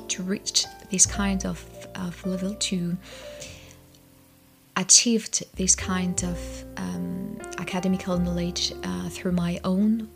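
A woman from France speaking softly and haltingly as she reflects on what she is proud of. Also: lowish voice, creaky. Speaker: podcast guest. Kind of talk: personal reflection.

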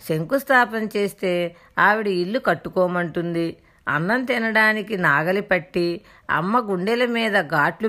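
Woman, devotional discourse, earnest storytelling, explanatory, mid pitch. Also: fairly bright tone. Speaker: spiritual storyteller.

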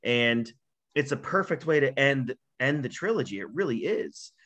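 Male podcast co-host, enthusiastic and sentimental, casual film chat, mid pitch. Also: expressive, moderate pace, fairly bright tone, highs cut off.

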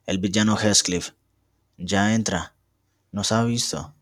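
A man's voice: on the low side, fairly even intonation, slow, a bit bright, no echo, studio quality. A young man reading aloud as an outraged female housekeeper who exclaims in indignation. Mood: indignant. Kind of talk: amateur reading of a novel.

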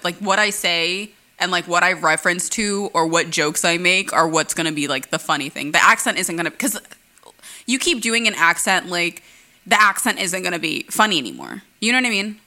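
A woman's voice: on the low side, animated, normal speed, bright, forceful tone. A young woman co-hosting a casual podcast chat, talking in a chatty way with many fillers and frequent laughs. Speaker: podcast co-host.

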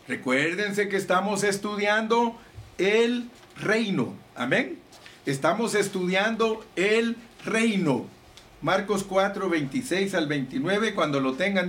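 A man's voice: sits high, fairly bright tone. A man preaching a sermon as pastor, fervent and pleading, calling his listeners brothers.

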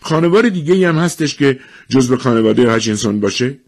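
A man voicing a brisk, formal middle-aged official who runs the village lottery in a husky, businesslike voice. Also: mid-range voice, animated, darkish tone, pitched above the performer's own voice.

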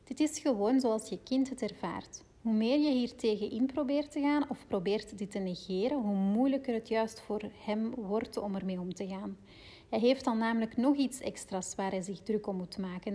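A woman's voice: medium pitch, warm tone. A woman with a Flemish accent reading aloud from a parenting book and breaking off into loose personal asides full of fillers. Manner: reads steadily, then rambles with fillers in her own asides.

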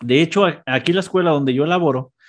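A man's voice: a little high, fast talker. A man, a schoolteacher hosting a live stream, chatting casually and reading out viewers' greetings. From Mexico. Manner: friendly, reads out viewer greetings. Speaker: teacher at a school.

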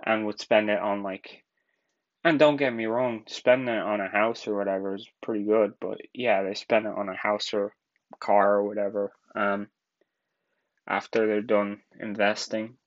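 Irish guy in his twenties, lowish voice, rambling casual podcast host, muffled lo-fi home recording. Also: level tone, normal speed. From Ireland. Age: 20s. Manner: rambling, casual, laughs often. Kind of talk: solo podcast monologue.

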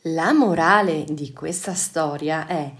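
A woman teacher reading a children's fairy tale on radio, clear and unhurried. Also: low voice. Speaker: storyteller, teacher. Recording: echoey room.

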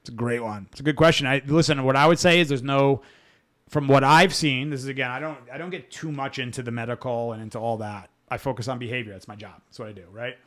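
A man's voice: mid-range voice, steady tone, fast talker, fairly bright tone. A man hosting a live dog-training Q&A podcast, talking frankly in a rambling, self-interrupting way. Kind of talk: casual live Q&A chat.

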